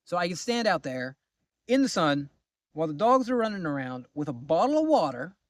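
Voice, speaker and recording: A man recounting his own misadventures in a casual vlog, his voice swinging up and down with a slightly high pitch. He sounds exasperated, often sinking into low asides. The sound is close and completely dry. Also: brisk, no room sound. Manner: animated, exasperated storytelling, drops to low mutters. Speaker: vlogger. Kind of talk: casual storytime.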